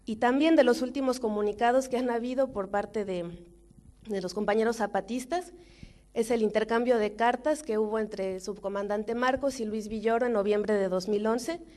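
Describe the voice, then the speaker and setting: A young woman from Mexico, speaking with a Mexican accent, gives an informal talk to a forum audience in a measured way, with many fillers and restarts. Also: fairly high pitch, mellow. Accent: Mexican Spanish.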